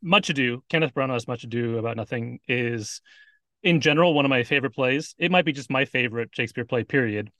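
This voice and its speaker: A man as a podcast guest, easygoing and quick to agree. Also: mid-range voice, fairly bright tone, dry recording, clean studio sound. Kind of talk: casual chat.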